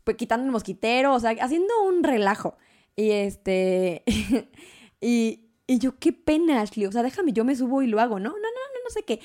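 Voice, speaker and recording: A young woman tells a story in casual conversation. Her voice sits a little high, and she keeps it animated, laughing often and acting out what people said. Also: normal speed. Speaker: guest.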